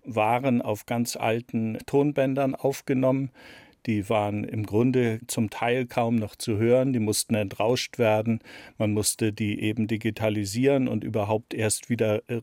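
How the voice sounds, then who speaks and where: A radio play author in his sixties is interviewed, giving reflective, explanatory answers and repeating words for emphasis. His medium-pitched voice has a darkish tone, recorded at studio quality with no echo.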